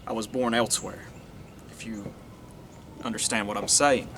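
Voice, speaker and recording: A vlogger from Northeast Tennessee, USA, talks to camera in a casual, earnest monologue that rambles, restarts, and trails off. His voice is lowish with fairly even intonation at a normal speed. Background noise is present.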